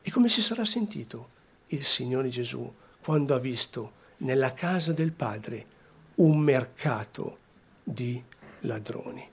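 A man preaching a sermon, slowly and deliberately, repeating phrases and swinging between hushed and raised delivery. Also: medium pitch, lively intonation, vocal fry, breathy edge.

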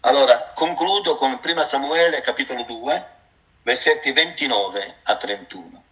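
A man preaching a sermon, reading scripture and addressing his listeners as brothers, with impassioned swings between raised exclamations and quiet asides. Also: mid-range voice, normal speed, rough recording.

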